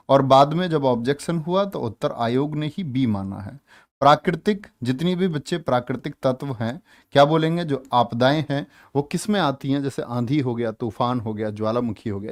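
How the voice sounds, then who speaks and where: A man teaching a Hindi grammar exam-prep class, quizzing and scolding students and stretching out letter sounds as he spells them. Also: fairly high pitch. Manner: scolds and teases students, drills answers with repeated questions.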